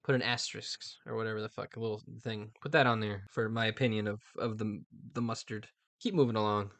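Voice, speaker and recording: A man's voice: lowish voice, fairly even intonation, fast talker, fairly bright tone, dry recording. Dry-sounding American man casually commenting. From United States. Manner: rambling, self-questioning, dry humor. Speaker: host.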